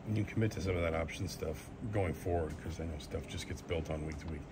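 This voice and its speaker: A man's voice: rumbling low, fast talker, very noisy. A man, a sports reporter, asking long, winding questions at a press availability.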